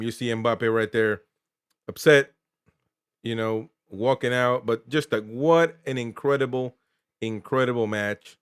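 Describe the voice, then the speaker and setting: A man hosting a live football match reaction show, talking in an emphatic, excited way with repeated exclamations. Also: mid-range voice, clean tone, dry recording, studio quality.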